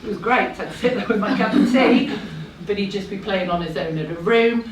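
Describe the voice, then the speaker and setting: A woman's voice: mid-range voice, brisk, a little hiss or hum. A woman in her thirties telling a personal story to a live audience, chatty and a little nervous, with self-deprecating asides. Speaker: speaker at a live talk event. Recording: echoey room, voice heard from a distance.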